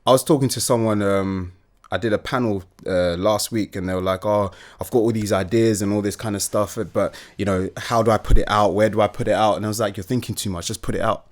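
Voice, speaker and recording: A man's voice: lowish voice, fairly even intonation, fast. A young man from the UK, a guest chatting casually and animatedly, often laughing. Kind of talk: casual interview chat.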